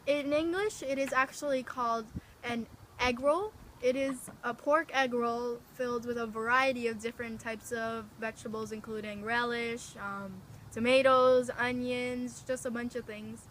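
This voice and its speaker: A woman's voice: a little high, steady tone, normal speed, a bit bright, a little hiss or hum, low-quality recording. A young woman casually answering interview questions about her family and culture, with some fillers.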